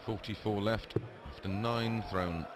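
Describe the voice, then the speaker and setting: A man's voice: lowish voice, steady tone, measured pace. Male darts pundit, crowd noise behind. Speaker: co-commentator and former darts player. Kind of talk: live sports commentary, conversational analysis. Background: noisy darts crowd.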